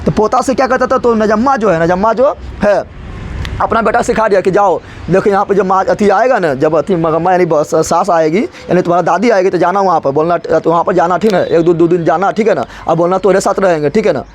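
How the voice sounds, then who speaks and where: A man's voice: high-pitched, brisk. A male teacher, explaining a story to his class and repeating his own questions before answering them.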